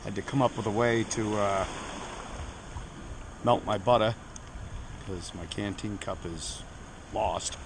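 A man, chatting slowly to the camera while cooking on a rocky seashore. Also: fairly low pitch. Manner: slow, relaxed, talking to the camera while cooking. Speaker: outdoor vlogger. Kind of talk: casual outdoor cooking vlog. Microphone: action camera on a tripod. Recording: loud outdoor background noise.

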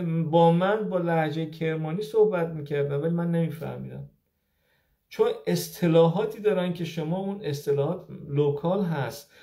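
Fifties guy from iran on a livestream, mellow voice, kinda high for a man, keeps repeating his point. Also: vocal fry. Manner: lively, rhetorical questions, repeats key points for emphasis. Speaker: optometrist sharing migration advice. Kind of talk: casual advice talk on a live stream.

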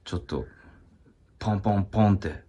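A man's voice: on the low side, fairly quick, mellow, breathy edge, lo-fi sound. A man in his thirties playing a meek, awkward salaryman in a comedy sketch. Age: 30s. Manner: hesitant, timid, awkward.

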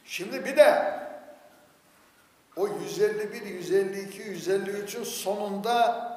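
An older man with a cold, giving an emphatic Quran commentary lecture and swinging between loud exclamations and low asides. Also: a little slow. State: has a cold. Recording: echoey hall with long reverb, faint noise.

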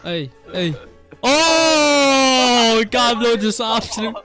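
Very high-pitched rowdy lad. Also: male voice, drawn-out words. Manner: yelling, swearing, laughing often. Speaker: streamer. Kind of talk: rowdy gaming banter. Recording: game music behind voice.

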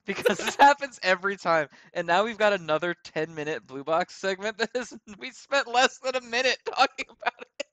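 Man, podcast co-host, casual chat, bright tone, joking, laughs often. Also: high-pitched, lively intonation, a little fast, hardly any pauses.

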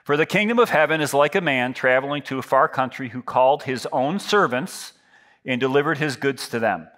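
Animated and a touch fast, a fifty-something pastor preaches in a medium-pitched, slightly bright voice. He uses a headset mic on a big church stage lit from behind, keeping things loose and self-deprecating while restarting often.

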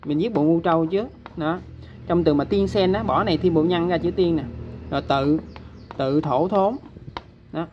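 A man's voice: on the high side, normal speed, darkish tone, a little hiss or hum. Patient man with a Southern Vietnamese accent. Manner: explains patiently, often checks in with listeners. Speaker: kanji teacher. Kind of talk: step-by-step lesson.

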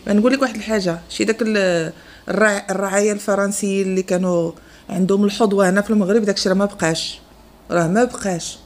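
A woman's voice: medium pitch, fairly even intonation, racing, darkish tone. A woman with a Moroccan accent delivering a heated opinion monologue as an online commentator, indignant and repeating phrases for emphasis.

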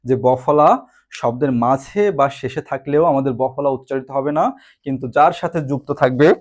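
A man teaching a grammar lesson slowly and deliberately, repeating examples and asking rhetorical questions. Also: mid-range voice, fairly even intonation.

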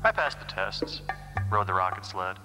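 A man's voice: sits low, animated, normal speed, loud music behind the voice. A man playing a smug, self-assured burger mascot in a scripted TV ad, speaking with sarcastic confidence. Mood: cocky. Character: cocky mascot, grown man with ball head, smug. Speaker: ad spokesman. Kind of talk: scripted TV ad spokesman.

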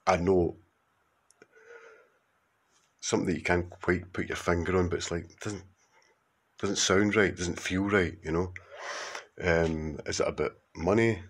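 A man's voice: low voice, fairly even intonation, a little slow, long pauses. A man in his fifties with a Glaswegian accent, speaking casually to camera in a rambling, hesitant way. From Scotland. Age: 50s. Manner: rambling, hesitant, with many fillers and restarts. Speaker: contributor sending a video message.

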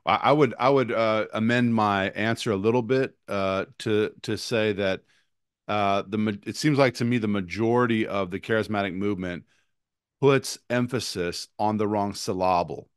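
A man's voice: lowish voice, normal speed, smooth, no echo, studio quality. A man co-hosting a casual theological discussion, talking emphatically and stressing long lists of points. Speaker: podcast co-host.

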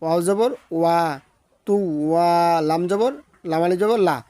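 Here a man with a Bangladeshi Bengali accent leads a step-by-step recitation lesson, spelling each letter and explaining with patience. He stretches every word into a slow sing-song. The voice is high-pitched and mellow, and the recording has no room sound.

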